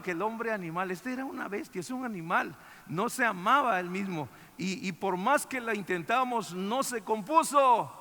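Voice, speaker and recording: A male pastor preaching a sermon, telling a personal story in an animated, conversational way with frequent restarts. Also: high-pitched, big-room sound.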